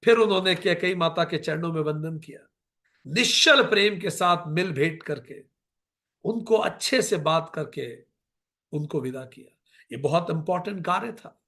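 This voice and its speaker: A middle-aged man gives a devotional discourse on scripture in a high, bright voice with a gravelly edge. He takes his time, dwelling on recited verses and dropping English phrases into his explanation. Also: a little slow. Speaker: spiritual discourse speaker.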